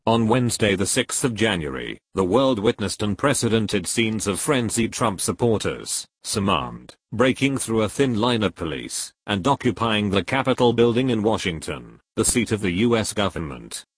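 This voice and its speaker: A man reading a political article aloud as scripted narration, in a steady, measured delivery. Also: on the low side, slightly rough, no room sound.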